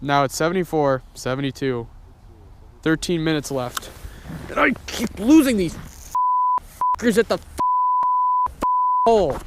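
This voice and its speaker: A young man with a rather high voice vlogs casually outdoors. He talks in an informal, excitable way and swears freely, over clear outdoor noise on an action camera. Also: unhurried, pauses often. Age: young adult. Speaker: vlogger, fishing host. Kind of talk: casual outdoor vlog chat. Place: outdoors on a frozen pond and by a river. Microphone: handheld or body-worn action camera.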